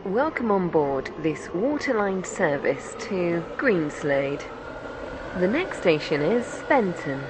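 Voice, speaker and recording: Casting: woman playing formal train announcer for a game, lower register, slow scripted station announcements, train rumble behind. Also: big pitch swings. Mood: measured, formal. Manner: measured, formal public-announcement delivery. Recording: clear train rumble noise. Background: train vehicle ambience in a simulator game.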